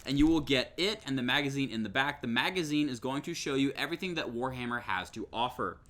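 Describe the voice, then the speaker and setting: A man casually presenting tabletop wargame products, animated and often laughing between points. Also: mid-range voice, quick pace. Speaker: co-host.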